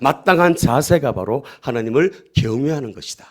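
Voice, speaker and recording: A middle-aged male pastor, preaching a sermon and having the congregation repeat his words, swinging from soft low asides to loud, emphatic peaks. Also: lively intonation, moderate pace. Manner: call-and-response preaching, prompting the congregation to repeat.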